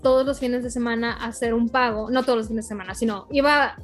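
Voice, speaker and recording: A woman's voice: on the high side, steady tone, fast talker, music in the background. A woman in casual chat, reacting to a story and then telling her own.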